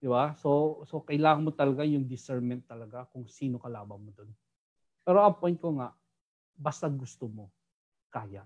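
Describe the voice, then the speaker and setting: Filipino-accented preacher leading a Bible study, animated and conversational, mid-range voice, dull lo-fi sound. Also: medium pitch, moderate pace, pauses often. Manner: animated, keeps asking "di ba?". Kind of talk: Taglish Bible study teaching.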